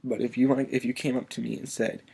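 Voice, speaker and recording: A man vlogger speaking softly and earnestly in an emotional personal video message, halting as he fights back tears. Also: mid-range voice, level tone, vocal fry, breathy edge. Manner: soft-spoken.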